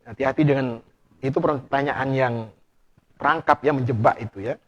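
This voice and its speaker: A male preacher giving a lively, playful premarital class sermon, addressing the audience directly and testing them with questions. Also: medium pitch, moderate pace, muffled recording. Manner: animated, playful, acts out couple dialogue in hushed voices.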